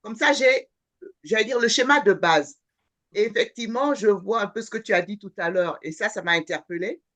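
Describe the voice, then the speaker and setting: A woman's voice: mid-range voice, fairly quick, a bit bright. A woman taking part in a webinar, thinking aloud about her plans, hesitating and searching for words. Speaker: webinar participant.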